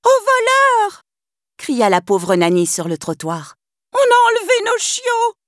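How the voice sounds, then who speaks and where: A woman voicing a devoted, flustered housekeeper who exclaims in a squeaky, high-pitched voice. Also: lively intonation, moderate pace, a little mellow, dry recording, clean studio sound, close to an everyday voice. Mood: panicked. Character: devoted old nanny, flustered.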